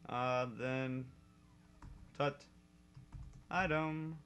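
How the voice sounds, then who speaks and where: A man's voice: mid-range voice, steady tone, drawn-out words, a bit bright, clear, resonant tone. Young man, casual coding tutorial, chatty, self-correcting, desk mic, keyboard typing behind. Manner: chatty and self-correcting, laughs at own slips. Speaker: modding tutorial host.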